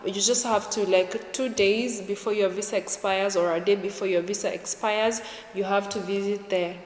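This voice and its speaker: A woman's voice: mid-range voice, fairly even intonation, normal speed, a little mellow, slight background noise. A young woman from Kenya, chatting casually in an interview, with lots of fillers. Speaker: YouTuber guest. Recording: echoey room with long reverb.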